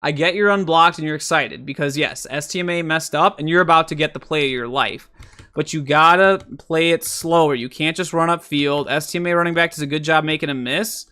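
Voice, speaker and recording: A man's voice: on the high side, brisk, bright, forceful tone, smooth. A man casually breaking down football game film, thinking aloud with frequent fillers and exasperated outbursts.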